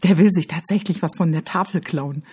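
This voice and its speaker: A woman voicing a quick-witted boy in a storybook. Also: fairly low pitch, a little mellow, husky. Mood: amused.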